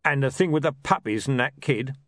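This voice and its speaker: A man voicing a loud, coarse, swearing male thug, blunt and forceful, in an audiobook. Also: mid-range voice, a little fast, dry recording, studio quality, pitched above the performer's own voice, natural voice. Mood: gruff.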